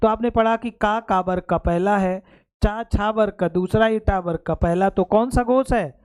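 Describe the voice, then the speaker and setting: ऊँची आवाज़ वाला हिंदी शिक्षक. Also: male voice, high-pitched, fairly even intonation, moderate pace, a little mellow, smooth. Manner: explains step by step, keeps checking understanding; addresses students fondly as "beta". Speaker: Hindi teacher. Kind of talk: exam-prep classroom lecture.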